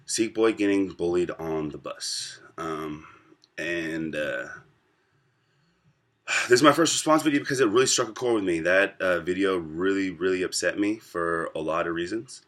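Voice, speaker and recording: A man in his twenties from the United States, telling a personal story to camera in a reflective, pausing way. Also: sits low, a bit bright. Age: 20s. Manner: reflective, pausing often between thoughts. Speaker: vlogger.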